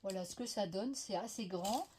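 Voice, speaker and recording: A French woman gushes over crafting purchases in a casual show-and-tell vlog, sprinkling her chat with fillers. Her medium-pitched voice is a little mellow, moves at normal speed, and is slightly veiled from a lingering cough. Slight background noise includes dishes clattering faintly.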